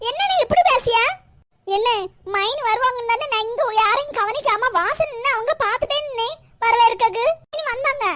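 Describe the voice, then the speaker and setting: A woman's voice: extremely high pitch, fairly bright tone, a little hiss or hum. A woman with a Kanyakumari Tamil accent voicing a worried young woman in a cartoon, pleading tearfully with her brother. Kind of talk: animated comedy cartoon dialogue.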